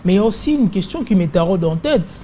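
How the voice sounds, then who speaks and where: A woman's voice: medium pitch, animated, quick pace, mellow, slight background noise. A woman with a Congolese French accent, hosting an arts show and asking probing questions in a mix of French and Lingala. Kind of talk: interview questions.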